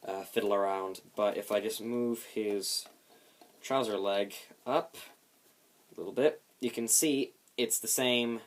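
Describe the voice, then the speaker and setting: A man with a somewhat low voice walks through a homemade build. His delivery is casual and explanatory, like a hands-on demonstration. He is lightly self-deprecating about his own explanations. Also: steady tone, measured pace.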